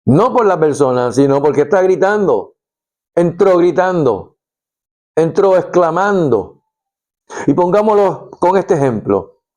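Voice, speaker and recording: A middle-aged man giving devotional Bible teaching as an animated storyteller. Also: on the high side, measured pace. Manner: animated storytelling, acts out scenes. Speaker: preacher.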